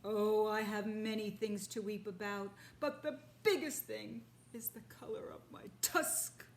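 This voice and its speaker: A woman voicing an old, angry, weepy male rhinoceros, speaking loudly and drawing out her words. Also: medium pitch, steady tone, measured pace, slight background noise, lightly acted. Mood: mournful. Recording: echoey room with faint ambience.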